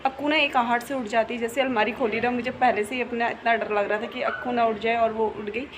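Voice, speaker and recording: A woman's voice: a little high, fairly even intonation, brisk. A young woman talking casually through a home vlog, feeling unwell while pregnant. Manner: chatty, talks softly while child sleeps. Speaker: vlogger. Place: home, kitchen and bedroom. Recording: noisy home recording.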